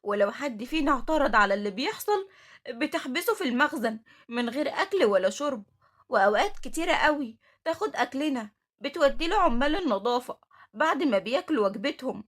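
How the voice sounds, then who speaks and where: A scared young orphan girl with an Egyptian accent, pleading fast and earnestly, as a woman reads her part. The voice sits high and a little husky. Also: animated, fairly bright tone. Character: frightened teenage orphan girl.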